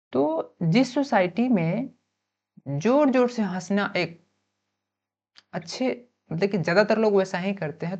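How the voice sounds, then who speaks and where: A woman's voice: on the low side, a little mellow, muffled recording. A woman teaching an exam-prep lesson. She explains by asking and answering her own questions, checks in often, mixes in English terms and spells words out letter by letter.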